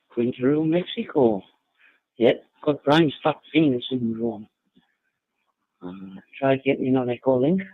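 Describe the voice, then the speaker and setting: A man calling in to an amateur radio net from a holiday hotel room through a phone link, chatting in a relaxed way and signing off with call signs over a tinny radio channel. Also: mid-range voice, no echo. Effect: tinny amateur radio link, narrow band. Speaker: ham radio net caller. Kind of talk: casual radio check-in chat. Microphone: phone over internet radio link.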